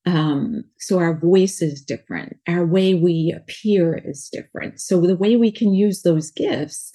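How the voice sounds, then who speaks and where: Earnest and rambling, a New York–accented life coach in her forties keeps starting her sentences over during a casual interview. She has a low-leaning, warm voice.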